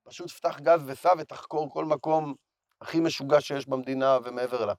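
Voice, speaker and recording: A hoarse man talking with animated enthusiasm in a casual chat. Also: mid-range voice, dry recording, clean studio sound.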